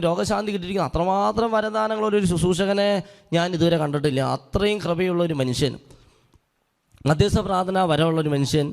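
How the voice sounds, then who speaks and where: Man preaching, gravelly high voice, acts out quoted speech, echoing hall. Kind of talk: sermon with a personal story. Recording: long hall reverb.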